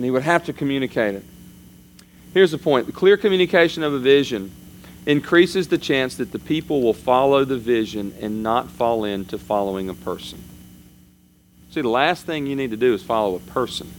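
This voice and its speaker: A man's voice: mid-range voice, slight background noise. A man preaching a sermon as pastor, in a conversational style, his voice rising and falling for emphasis.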